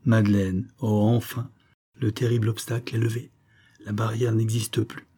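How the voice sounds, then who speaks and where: A man's voice: on the low side, little pitch movement, moderate pace, mellow, slightly rough. A man voicing a scheming villainous count who feigns emotion in theatrical exclamations, read in an audiobook.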